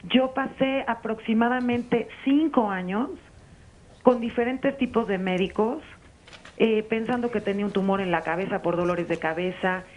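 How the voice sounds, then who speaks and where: A woman's voice: medium pitch, moderate pace, darkish tone, a little hiss or hum. A woman, calling in live to a radio show and describing her experience at length, with frequent hesitations. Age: 40s. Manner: long, earnest account with many hesitations. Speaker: caller. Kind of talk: live call-in testimony. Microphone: telephone. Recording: phone line, muffled.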